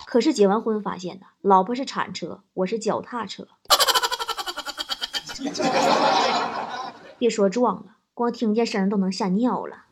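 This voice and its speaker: A woman telling comic anecdotes in a lively, punchline-driven way. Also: mid-range voice, measured pace, long pauses, very noisy. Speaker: comic storyteller.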